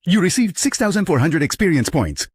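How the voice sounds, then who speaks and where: A man voicing a game system's announcer, reading notifications in a flat, list-like way with a slightly husky tone. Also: a little high, fairly quick, no room sound, pitched above the performer's own voice, full character voice. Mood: announcing.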